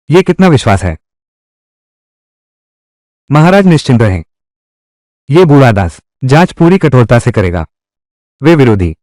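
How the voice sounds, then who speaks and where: A man's voice: medium pitch, darkish tone, no room sound, clean studio sound. A man performing declamatory dubbed dialogue for a historical drama. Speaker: dub voice actor.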